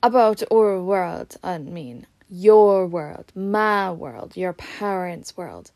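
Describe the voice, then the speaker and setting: A woman voicing a gruff, blustery but kindly giant man with a Scottish accent, reading from a storybook. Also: lively intonation, takes it slowly, darkish tone, no echo. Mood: indignant. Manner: booming, blustery.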